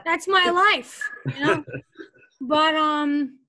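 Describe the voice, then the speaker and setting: High bright new lady telling stories on a zoom call. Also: slow pace. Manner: chatty, animated storytelling. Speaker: radio voiceover artist. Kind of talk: casual chat. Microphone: video call.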